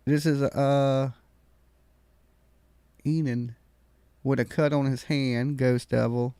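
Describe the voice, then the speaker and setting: A man's voice: medium pitch, fairly even intonation, takes it slowly, dark tone, smooth, dry recording. A man hosting a live stream panel, chatting casually in a folksy, slangy way.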